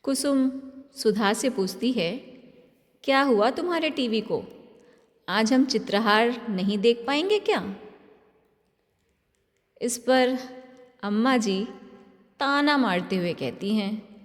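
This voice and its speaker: A woman tells a homely family story in an unhurried way, her voice sitting a little high. She gives each family member a tone of their own. Her voice trails off in a long reverb. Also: lively intonation. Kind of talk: scripted narration.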